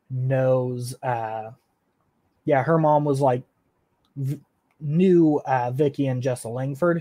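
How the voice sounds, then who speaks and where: With a mellow, mid-range voice, a young man studying engineering responds casually to an interviewer. He is hesitant and uses many fillers, often chuckling at himself.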